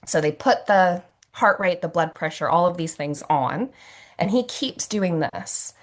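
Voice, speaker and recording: A woman's voice: fairly low pitch, expressive, measured pace. A woman facilitating a trauma-informed masterclass on a video call, telling stories in a conversational way with fillers and acted quotes. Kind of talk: teaching a recorded masterclass.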